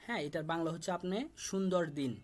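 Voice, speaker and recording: Patient young Bangladeshi language teacher. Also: male voice, high-pitched, fairly even intonation. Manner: patient, repeats words slowly for pronunciation. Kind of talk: live online class.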